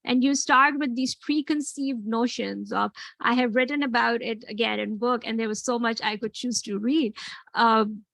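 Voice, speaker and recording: A Karachi-born woman in her forties, with Urdu as her first language, speaks as an author and guest speaker in a fairly high, gravelly, slightly bright voice with a steady tone. Reflective and earnest, she pauses and restarts often, moving between personal talk and readings from her own book. The space is dry and close, with no echo, but the audio is poor.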